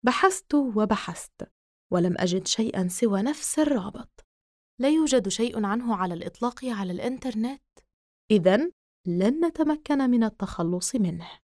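A woman narrating a first-person horror audiobook in a steady, measured way. Her voice is somewhat high, and the recording is close and dry. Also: no echo.

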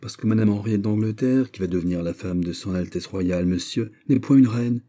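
A man voicing a proud, sharp-tongued young lady-in-waiting who answers back firmly in a storybook reading. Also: on the low side, brisk, close to an everyday voice. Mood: defiant. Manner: firm, retorting.

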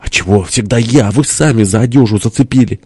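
A man's voice: fairly low pitch, a little fast, mellow, slightly rough, dry recording, voice pushed up. A man doing an eager, sulky young son-in-law. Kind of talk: audiobook character voice.

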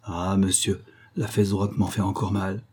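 A man's voice: deep voice, flat delivery, unhurried, warm tone, breathy edge. A man voicing a worried male manservant who grumbles and talks cautiously. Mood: grumbling.

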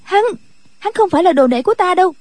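A man's voice: extremely high pitch, animated, fast, a little mellow, no room sound, voice pushed up. A man voicing a timid young nun who speaks hesitantly and pleads in an audiobook. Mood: frightened.

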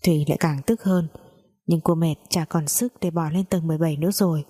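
Female storyteller, mellow and low, chatty narration. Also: fairly even intonation, fast, slightly rough.

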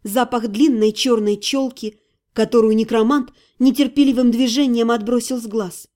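A woman narrating a first-person fantasy audiobook in an expressive storytelling manner. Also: on the high side, moderate pace. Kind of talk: scripted narration.

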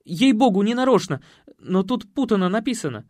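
A man voicing a fussy, apologetic male secretary in an audiobook, talking quickly and anxiously. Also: sits high, big pitch swings, darkish tone, dry recording, studio quality, pitched above the performer's own voice. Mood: flustered. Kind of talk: audiobook character voice.

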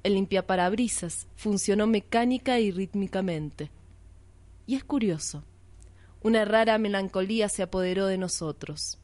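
Brief: woman radio host, measured reflective reading, dry close sound, mid pitch. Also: darkish tone, no echo. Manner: measured, reflective, posing and answering her own questions. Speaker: radio art show host. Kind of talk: slow literary reading for radio.

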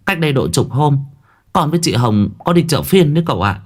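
A man voicing an anxious young woman who talks in a rapid, fretful way. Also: high-pitched, sing-song, voice pushed up. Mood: anxious, eager.

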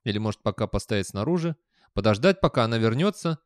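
A man's voice: fairly low pitch, lively intonation, quick pace, dry recording, studio quality, natural voice. A man voicing a jittery, unsure young man who talks with anxious hesitation. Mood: uneasy.

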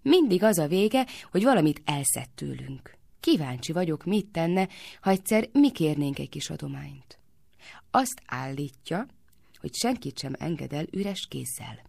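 A woman voicing a spirited young village girl in a storybook reading, wry and quick to retort. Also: deep voice, sing-song, gravelly, a little mellow, no room sound, exaggerated voice. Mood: grumbling.

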